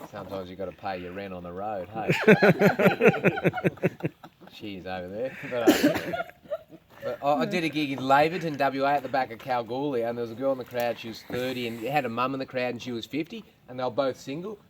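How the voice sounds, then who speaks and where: A man's voice: mid-range voice, a little fast, a crowd in the background. An Australian man, a stand-up comedian, telling crude stories to a small live audience, swearing freely and laughing at his own jokes. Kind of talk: crude storytelling to a small crowd. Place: outdoors at a farm with a live audience.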